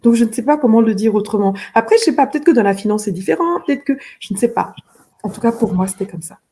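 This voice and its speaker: A woman's voice: a little high, lively intonation, fast, warm tone, slight background noise. Earnest middle-aged woman from Benin. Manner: earnest, repeats words often while searching. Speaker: guest, fashion designer. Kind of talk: interview conversation.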